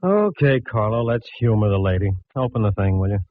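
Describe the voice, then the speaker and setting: An actor playing a sardonic, unflappable police inspector in a vintage radio detective drama, with quiet authority. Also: male voice, fairly low pitch, big pitch swings, a little fast, slight background noise. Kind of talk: 1940s-50s radio detective drama acting. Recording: muffled vintage radio recording.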